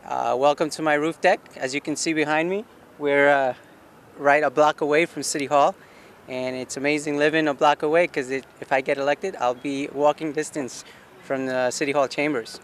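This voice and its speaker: Man in his 40s, from Guatemala, slightly high voice, earnest campaign pitch, outdoors on a rooftop. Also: steady tone, normal speed. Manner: earnest, asks himself questions and answers them, frequent restarts. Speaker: city council candidate. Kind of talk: campaign statement to camera. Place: outdoor rooftop deck in a city.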